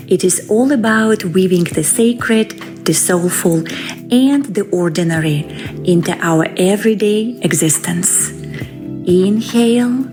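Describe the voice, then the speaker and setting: A woman hosting a podcast, opening with a slow, soft scripted intro and then interviewing a guest. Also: fairly low pitch. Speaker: podcast host.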